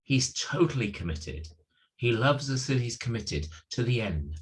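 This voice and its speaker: A middle-aged preacher reflects on a Bible passage in a very animated, mid-range voice, going a little slowly. Earnest throughout, he repeats and stresses the points that matter most.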